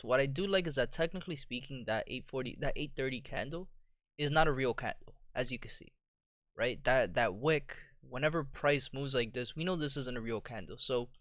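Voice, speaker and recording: A man hosting a live trading stream, walking through charts in a relaxed way and often checking in with "you know" and "right?". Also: medium pitch, dry recording. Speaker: trading livestream host. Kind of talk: live market commentary.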